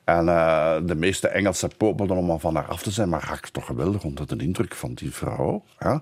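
Low husky man telling history. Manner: animated storyteller, slows for emphasis, many fillers. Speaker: historian guest. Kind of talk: conversational storytelling interview.

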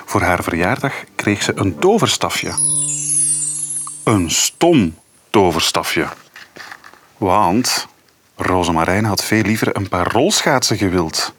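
A man reading a children's story aloud to his daughter in a lively, expressive way. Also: deep voice, slow pace, pauses often, soft background music.

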